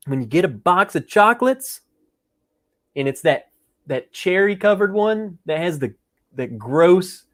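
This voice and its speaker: A man hosting a casual live whiskey tasting, joking and rambling as he chats with viewers. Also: a little high. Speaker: whiskey livestream host. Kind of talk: casual livestream tasting chat.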